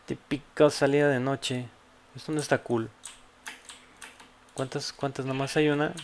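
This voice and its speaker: A man with a Mexican accent giving casual, profane commentary as he plays a game, often bursting into loud yelps. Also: medium pitch, flat delivery, unhurried, slight background noise. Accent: Mexican Spanish. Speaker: gameplay YouTuber.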